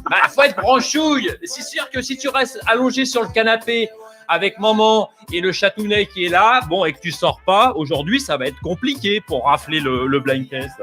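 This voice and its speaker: A man's voice: sits high, lively intonation, moderate pace, sharp tone. A man hosting a playful live blind test show as DJ, joking and teasing his co-host, often laughing and slipping into sing-song. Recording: music playing behind.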